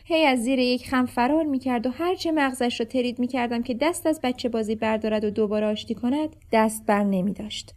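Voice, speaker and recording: Mellow-voiced woman narrating a storybook. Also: on the high side. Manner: lively, expressive first-person storytelling.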